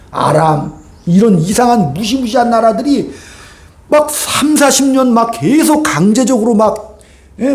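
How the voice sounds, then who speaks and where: A man preaches in a high-pitched yet soft, mellow voice, filling a reverberant church sanctuary. His sermon feels like a conversation, and he keeps prompting the pews to agree. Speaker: pastor. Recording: echoey church room.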